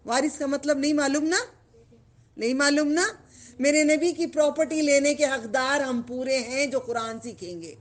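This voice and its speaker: A woman giving a religious lesson to children, questioning the class and drawing out repeated phrases. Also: high voice. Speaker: religious teacher.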